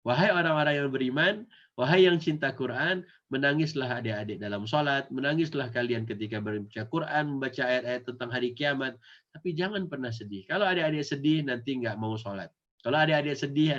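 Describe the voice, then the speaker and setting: A male Islamic teacher with an Indonesian accent giving an animated Quran lesson to children, often acting out the kids' voices. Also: medium pitch, a little fast. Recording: dull lo-fi recording.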